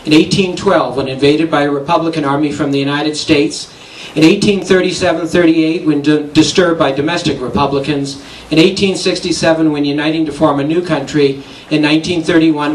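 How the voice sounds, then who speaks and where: A slightly high-voiced man delivers a prepared, formal debate statement at a measured pace. He sounds distant in a roomy hall, with faint hiss behind him. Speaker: debater for the monarchy.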